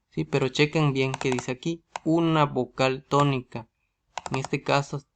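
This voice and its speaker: A man's voice: medium pitch, vocal fry, slight background noise. A man with a Mexican Spanish accent explaining English grammar rules in a video lesson, asking himself questions and checking in with "¿sí?" all the time. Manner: asks rhetorical questions, often adds a tag "¿sí?". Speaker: English teacher.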